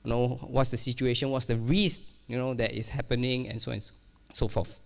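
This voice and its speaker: Another cybersecurity keynote comes from a man whose medium-pitched voice is brisk and flat in intonation, with vocal fry. Speaking in a conference hall, he keeps things casual, stumbling through fillers and restarts and poking fun at himself.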